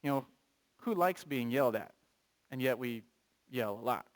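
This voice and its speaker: A pastor's male voice sits in the mid-range and moves at normal speed as he preaches in a conversational, animated way. He engages the congregation with questions and reads from scripture.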